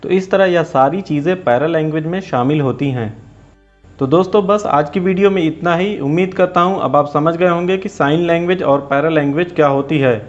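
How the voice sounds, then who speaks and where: Guy explaining a lesson, kinda high voice, steady and even, dull lo-fi sound with soft music under it. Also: fairly quick. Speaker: teacher. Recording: dull lo-fi voice-over with faint music.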